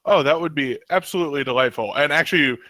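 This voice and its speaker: A man's voice: fairly high pitch, quick pace, sharp tone, no room sound. A man taking part as a player in a tabletop role-playing game, talking upbeat with stumbling starts.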